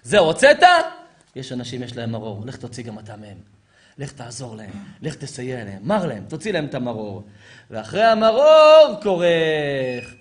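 A man, a rabbi, preaching to a live audience, animated, firing rhetorical questions and answering them himself, sometimes shouting at high points. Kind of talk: lively sermon to a live audience.

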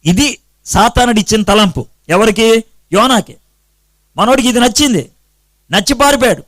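Male pastor preaching, pretty high voice, dry close sound, asks the crowd questions and answers them himself. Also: a bit bright, dry recording. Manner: counts out points slowly and with emphasis. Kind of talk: sermon.

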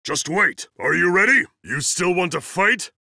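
An actor voices a huge, stern, zealous student enforcer in an anime fighting game, using an exaggerated, gravelly, forceful male voice. His delivery is booming, bombastic, formal and emphatic, animated yet a little slow. It's recorded at studio quality with no echo.

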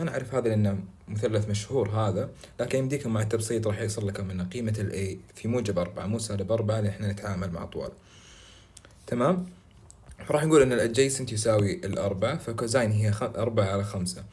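Fast-talking young tutor. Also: male voice, fairly low pitch, darkish tone. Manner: explains step by step, checking in with "right?" often; reads English exam questions slowly, mixed with Arabic. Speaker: math tutor. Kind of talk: exam walkthrough lesson.

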